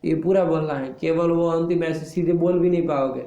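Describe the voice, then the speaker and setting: A man's voice: a little high, fairly even intonation, fairly quick, mellow, echoey room. A man teaching a Sanskrit grammar class, firing questions at students and scolding them for lazy, half-finished answers.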